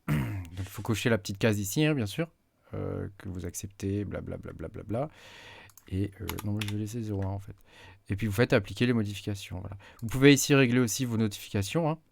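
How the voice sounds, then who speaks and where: A man's voice: on the low side, quick pace, creaky, no echo. A man giving a casual screen-recorded tutorial, hesitant with many fillers as he clicks through menus at his desk mic. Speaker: tech YouTuber.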